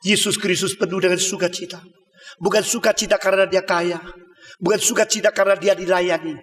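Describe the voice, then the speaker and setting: A man preaching a sermon in a large church hall, his voice pitched high for a man, with a long reverb trailing each phrase. He speaks, mixing colloquial asides and rhetorical questions with sudden loud, high-pitched bursts. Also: steady tone, a little fast. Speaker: pastor.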